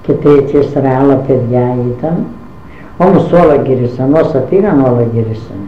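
A woman's voice: very deep voice, a little hiss or hum. An older woman tells a family story from her past in an interview, acting out who said what. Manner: animated, acts out dialogue with many "she says" tags. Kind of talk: oral history storytelling. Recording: echoey dull lo-fi recording.

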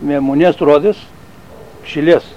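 An older man recalling his army service in a halting, rambling interview, full of restarts and fillers. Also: on the high side, fairly even intonation, muffled recording, a little hiss or hum. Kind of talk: oral history storytelling.

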